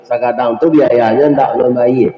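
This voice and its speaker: Minangkabau preacher in an echoey hall. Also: male voice, mid-range voice, fairly even intonation, measured pace. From West Sumatra. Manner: storytelling, mixing dialect with asides to the audience. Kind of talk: humorous sermon. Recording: echoey hall, dull lo-fi sound.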